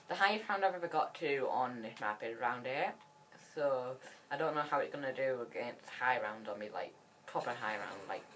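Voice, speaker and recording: A gaming channel host with a low female voice gives casual gameplay commentary over slight background noise. She is chatty and excitable, rambling and restarting often.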